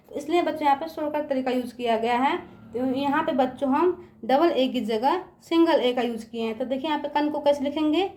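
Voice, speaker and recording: A high-pitched woman teacher spells words for children one letter at a time and keeps asking whether they have understood. Her voice rings around an echoey room. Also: darkish tone.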